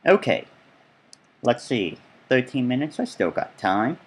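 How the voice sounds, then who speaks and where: A man's voice: mid-range voice, very animated, a little slow, slightly rough. A man giving casual, rambling gameplay commentary as he tours his own build, full of chatty asides. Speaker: let's play gamer.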